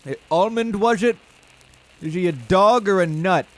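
In a comic radio drama, an older man co-hosts a call-in advice show, playing a cantankerous retirement-village resident who gives blunt, dismissive, sarcastic advice. His voice sits high with lively intonation and an unhurried pace, though the audio is poor. The mood is sardonic and blunt.

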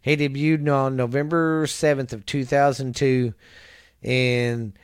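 A man with a smooth, resonant voice talks through a casual recap from his notes on a close home mic. The sound is dry with no room echo. He trips over names, fixes them and laughs at himself. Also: medium pitch, level tone. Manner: halting, stumbles over names and corrects himself; chuckles at his own slips. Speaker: podcast host. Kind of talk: casual wrestling history recap read from notes.

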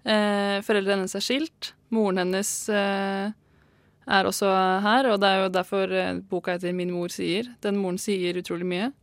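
A woman hosting a radio chat, talking quickly and chattily with many hesitations. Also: medium pitch, little pitch movement, dry recording. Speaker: radio host.

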